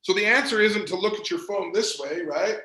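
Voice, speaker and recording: A man coaching an audience on performance in an energetic, emphatic presentation, repeating words for stress. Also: high voice, moderate pace, reverberant, low-quality recording. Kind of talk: motivational presentation.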